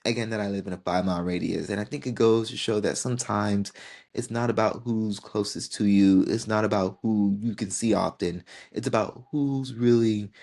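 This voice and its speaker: A woman in her twenties hosting her own podcast, talking alone in a gentle, heartfelt and unhurried way. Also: a bass voice, steady tone. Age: 20s. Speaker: podcast host. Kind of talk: solo reflective podcast monologue.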